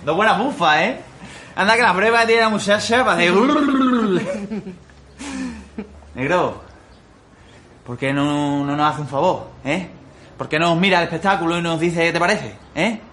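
An actor playing a pompous amateur show director who talks theatrically and flatters people. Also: male voice, a little high, normal speed, long pauses, slight background noise, natural voice. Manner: theatrical and wheedling.

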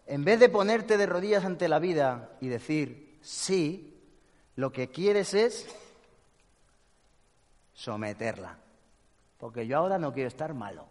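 A man with a Spain Spanish accent giving a lively talk to an audience, blunt and joking and swearing casually. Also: medium pitch. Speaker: speaker giving a talk on inner peace. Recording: long hall reverb.

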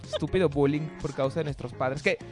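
A man's voice: fairly high pitch, a little fast, soft background music. A man with a Mexican accent, co-hosting a radio show in casual banter, joking and acting out his parents' voices. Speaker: radio co-host.

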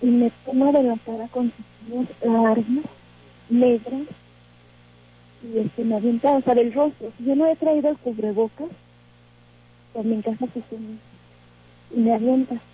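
A woman's voice: on the high side, steady tone, normal speed, long pauses, slightly rough. A woman calling in to tell a frightening story, hesitant and full of fillers, still shaken. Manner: hesitant, many fillers and restarts. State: shaken, trembling. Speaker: caller. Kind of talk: telling a personal story. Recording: tinny phone line.

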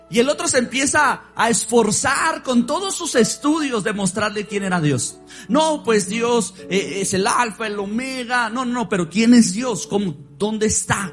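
A man delivers an animated sermon, leading his congregation to repeat after him. His voice sits very high for a man. Soft music plays faintly behind him in the church. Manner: animated preaching with call-and-response. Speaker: pastor.

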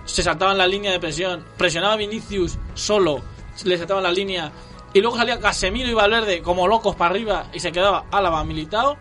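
A man in a casual football chat, opinionated and animated, speaking as a fan. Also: sits high, quick pace, faint music behind.

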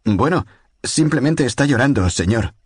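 A man voicing a young military radio operator who is formal, slow and deferential. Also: medium pitch, animated, a little mellow, breathy edge, no room sound, studio quality, pitched above the performer's own voice.

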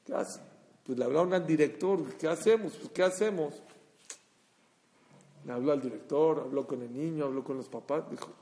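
A man giving a sermon full of stories, acting out the dialogue in them with lively energy. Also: medium pitch, a little fast. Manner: animated storyteller, acts out dialogue. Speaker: rabbi. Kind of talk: sermon with storytelling. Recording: long hall reverb.

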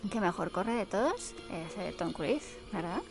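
A woman's voice: medium pitch, animated, measured pace, music in the background. A woman chatting casually while she watches a film, exclaiming and tossing in playful asides. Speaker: film commentator.

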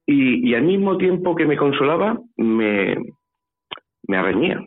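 He's very animated yet keeps a measured pace at medium pitch: a Spanish-accented guest from Spain sharing a personal story by phone, hesitant and repeating his words. Faint music plays under the tinny phone line.

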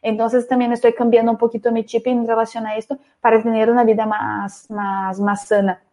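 Woman, Brazilian accent, native Portuguese speaker, slightly high pitch, conversational podcast guest, non-native phrasing with self-corrections. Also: level tone, fairly quick, dark tone. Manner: non-native Spanish with searching rephrasing. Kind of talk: conversational interview.

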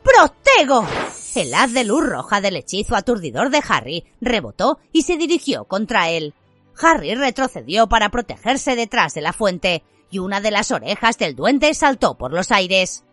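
Expressive woman narrating an audiobook. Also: medium pitch, moderate pace, no room sound, soft background music. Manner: expressive, dramatic reading.

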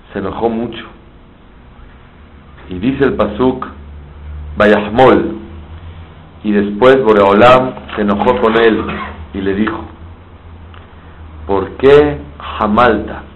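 A man delivers a teaching sermon, explaining Hebrew words one by one. He poses questions to his listeners and answers them himself. The recording is slightly dull, with a faint hiss underneath. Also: lowish voice. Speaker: rabbi teaching Torah.

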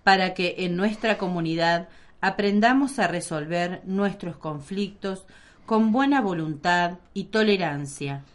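Slow, lowish-voiced woman reading prayers. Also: a little hiss or hum. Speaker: lay reader at Mass. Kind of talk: reading prayer intentions and responses.

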